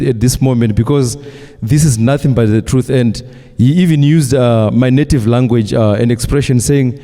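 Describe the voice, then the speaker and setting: A man testifies before a congregation, his voice mellow and warm at a middle pitch. He speaks in a measured way, pausing often, and the long reverb of a church hall trails after his words. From Zimbabwe. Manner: measured, with frequent hesitations. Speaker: church member giving testimony.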